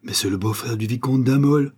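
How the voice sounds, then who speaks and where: A man reading an audiobook, voicing a countess who pleads in distress, in a raised, husky voice. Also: medium pitch, a little fast, darkish tone, voice pushed up, natural voice. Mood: pleading. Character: anguished noble countess, grown woman, devoted wife.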